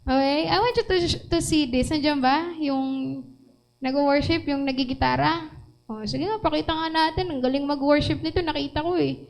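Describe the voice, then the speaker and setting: A high-pitched woman with a Filipino accent preaches in a church. She moves between Tagalog and English, animated, and keeps asking her listeners questions. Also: moderate pace, vocal fry, rough recording. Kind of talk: sermon.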